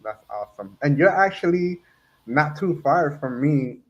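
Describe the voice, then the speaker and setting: A man's voice: fairly high pitch, animated, a little slow, husky, muffled recording. A man from New Jersey hosting an interview, chatty and laughing often, with many fillers. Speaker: podcast host. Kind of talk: casual interview.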